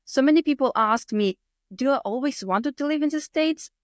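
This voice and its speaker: Her voice is high-pitched and at normal speed, captured dry. She's a Latvian-accented woman in her thirties guesting on a podcast, telling casual personal stories in loose, non-native English with shifting word order.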